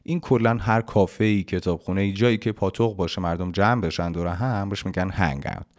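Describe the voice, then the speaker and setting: Deep voiced guy teaching english, reads phrases real slow and careful. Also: a little mellow. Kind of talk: language lesson explaining pronunciation.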